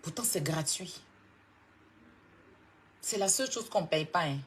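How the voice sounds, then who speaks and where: A woman's voice: on the low side, expressive, a little slow, a little hiss or hum. A woman from Côte d'Ivoire with an Ivorian French accent, scolding and mocking someone in a heated live-stream rant, repeating her points with insistence. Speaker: social media personality.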